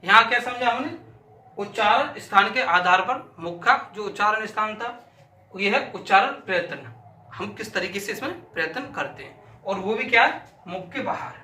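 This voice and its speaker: A man's voice: high-pitched, lively intonation, moderate pace, pushed and bright, a little hiss or hum. A male teacher giving a lesson, repeating syllables aloud to demonstrate them and asking and answering his own questions. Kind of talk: classroom lesson. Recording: echoey room, voice from a distance.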